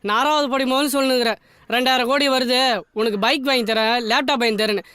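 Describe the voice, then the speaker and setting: A man's voice: very high-pitched, steady tone, brisk, bright, forceful tone, clean tone, no echo. A young man in a film comedy scene, whining and mocking his older companion. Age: young adult.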